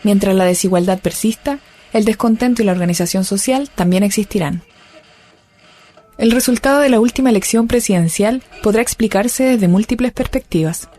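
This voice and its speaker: Earnest Chilean woman narrating, mellow tone. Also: mid-range voice, normal speed. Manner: earnest, rallying. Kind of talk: scripted documentary narration.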